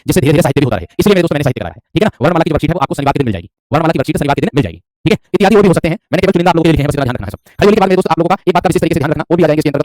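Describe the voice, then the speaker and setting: A man's voice: fairly high pitch, dry recording, studio quality. A man teaching Hindi dialects in an online class, repeating points and quizzing his students. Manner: repetitive, quizzing, calls students "my friend".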